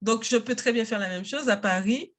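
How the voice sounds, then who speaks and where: A woman's voice: fairly high pitch, moderate pace. Self-assured woman, native English speaker. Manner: energetic, emphatic, self-assured. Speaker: interview guest, English coach. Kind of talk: casual interview talk.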